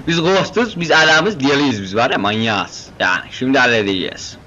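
Young male gamer host: bright, jokey, excitable, talks back at the game, keeps calling everyone "brother". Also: mid-range voice, unhurried, highs cut off. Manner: joking, excitable, chatting with game characters; keeps saying "brother" as a filler. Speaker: gaming video host. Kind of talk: playthrough commentary.

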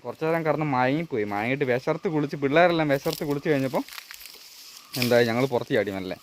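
A man's voice: mid-range voice, lively intonation, very fast, slight background noise. A man talking casually to his vlog viewers at home, rambling and searching for words as he goes. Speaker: family vlogger. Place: at home, partly outdoors.

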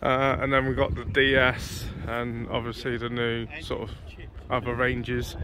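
A man's voice: mid-range voice, monotone, unhurried, pushed and bright. A British man giving casual, matey, off-the-cuff commentary as a vlogger, recorded outdoors on a handheld phone. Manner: chatty, matey. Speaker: car show vlogger. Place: outdoors on a grassy car show field.

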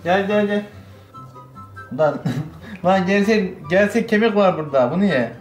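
A man chats casually in a home vlog, his voice pitched a little above the usual. He keeps a playful, laughing tone, teasing and scolding a puppy that won't stop biting him. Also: measured pace, soft background music. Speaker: vlogger playing with his new puppy. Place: at home indoors.

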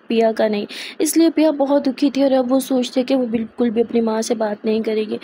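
A woman's voice: high-pitched, warm tone, a little hiss or hum. A woman storyteller narrating a love story in a plain, conversational way.

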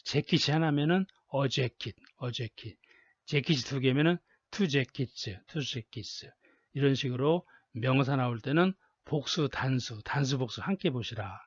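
A man's voice: medium pitch, breathy edge, no echo, lo-fi sound. A male English teacher narrating a lesson video, patiently repeating each word and example several times. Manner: patient, drills words by repeating them. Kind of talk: slow repetitive lesson narration.

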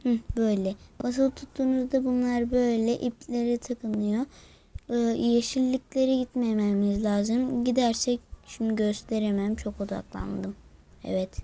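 Slow-talking excitable gaming commentator woman. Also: mid-range voice. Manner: excitable, talks to viewers while playing. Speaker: gaming channel host. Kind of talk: mobile gameplay commentary.

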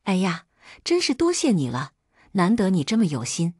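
A woman storyteller voicing a timid, sorrowful young wife who talks in a resigned, mournful way, with a husky voice. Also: on the low side, huge pitch swings, normal speed, a little mellow, dry recording, clean studio sound, full character voice. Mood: grateful.

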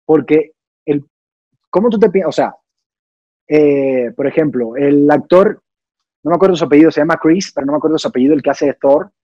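In a muffled, dry recording, a young actor and singer from Cuba speaks at a fairly quick clip in a fairly high voice, pausing often. He is working through ideas in a casual interview, thoughtful and explanatory, frequently restarting and using fillers.

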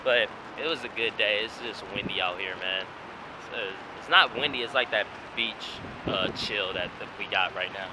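A man's voice: fairly low pitch, normal speed. A young man in a casual road-trip vlog, talking loosely in slang to a handheld camera in a car and on the street. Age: young adult. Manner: loose slangy talk with frequent laughs. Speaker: vlogger. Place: car, gas station and city streets outdoors. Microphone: handheld camera at arm's length. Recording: street and car noise behind.

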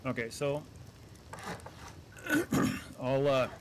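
Halting man directing his teammates. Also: medium pitch, wildly swooping pitch, noisy background. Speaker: gamer on voice chat. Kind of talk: casual team game chat.

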